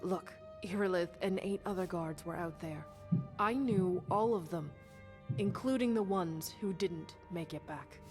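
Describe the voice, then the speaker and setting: Woman voicing young female bodyguard, blunt, frank, bitter, honest, mid pitch, modded game dialogue. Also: natural voice.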